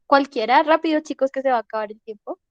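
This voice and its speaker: A woman leads an online English class, explaining grammar patiently and pausing to check that students follow. Her voice sits high, and the sound is dry and close. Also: darkish tone, dry recording, muffled recording. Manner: patient, checks in often with "¿sí?" and "¿listo?". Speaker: English teacher.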